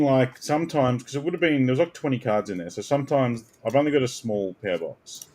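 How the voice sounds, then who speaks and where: A man hosting a card break, chatting casually and bursting out loudly as he calls out the cards he pulls. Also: medium pitch, breathy edge. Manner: animated, bursts out loudly calling card names. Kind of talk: casual live card-opening chat.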